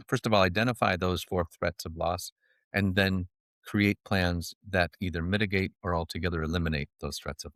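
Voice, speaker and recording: A man's voice: on the low side, no room sound, clean studio sound. A man, a financial advisor guest on a podcast, telling stories with jokes and laughing at his own lines. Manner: animated, jokey storyteller who laughs at his own lines. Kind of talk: storytelling podcast interview.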